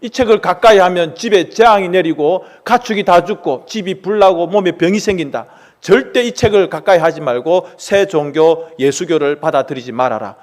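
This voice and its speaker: A man voicing a village shaman who issues a grave, measured warning in a lowered voice. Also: natural voice. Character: solemn village shaman, stern older figure.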